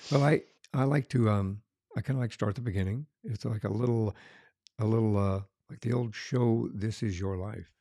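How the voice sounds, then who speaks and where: A man with a low, mellow voice hosts a casual interview. he rambles a bit, restarting his sentences and chuckling as he goes. the sound is dry and close, with no room echo. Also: moderate pace. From Colorado. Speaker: podcast host, former police officer. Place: Arizona.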